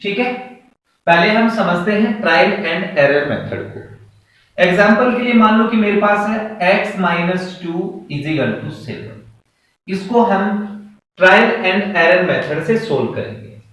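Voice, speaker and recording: Slow high-voiced male teacher, echoey. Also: lively intonation, a bit bright. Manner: slow, step-by-step explaining with questions to students. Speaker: maths teacher. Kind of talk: classroom maths lesson. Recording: echoey room, far from mic.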